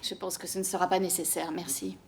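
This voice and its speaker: An actress playing a poised, cultured European art expert, polite and composed in film dialogue. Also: female voice, on the low side, little pitch movement, quick pace, slight background noise, lightly acted.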